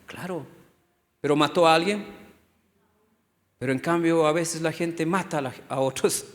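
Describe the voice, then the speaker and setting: A middle-aged male pastor preaching a lively sermon, often asking the congregation questions and acting out what people say. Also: sits high. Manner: animated, asks the congregation questions, acts out quotes. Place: church hall. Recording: long hall reverb.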